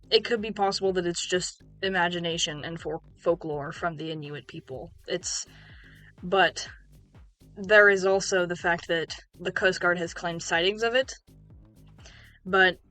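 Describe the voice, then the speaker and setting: A woman's voice: mid-range voice, a bit bright. A young woman hosting a video, reading from an article in a casual way, with ums and restarts. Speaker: YouTube host. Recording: faint background music.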